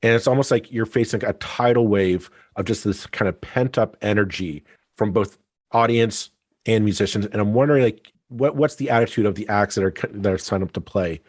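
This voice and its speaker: A man's voice: lowish voice, fairly quick, no echo, studio quality. A man hosting a podcast, asking long rambling questions with many restarts. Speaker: podcast host. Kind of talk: casual podcast interview.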